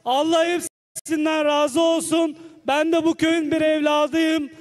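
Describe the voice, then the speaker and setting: A man giving a formal thank-you speech at a festival, in deliberate short phrases. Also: very high-pitched, little pitch movement. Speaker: local speaker at a wrestling festival.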